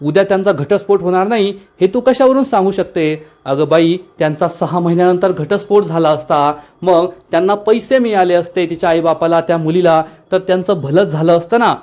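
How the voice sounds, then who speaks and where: A furious, scornful woman boss, as a man reads her lines aloud. Her voice sits high and she scolds and taunts without letting up. The tone stays plain and spoken, like a storyteller recounting a TV serial. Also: fairly quick, hardly any pauses, darkish tone, natural voice. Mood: angry scolding.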